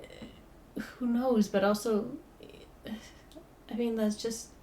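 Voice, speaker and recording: A woman's voice: on the high side, fairly even intonation, drawn-out words, warm tone, a little hiss or hum. A woman hosting a reaction video, talking in a casual, emotional, rambling way with stammered restarts.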